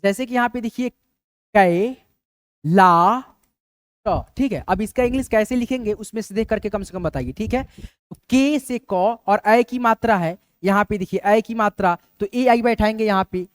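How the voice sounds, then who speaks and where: A male teacher talks through a spelling lesson, sounding words out letter by letter. He goes slowly and patiently and keeps asking "okay?" as he works through each step. The recording is close and dry. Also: sits high, smooth, dry recording.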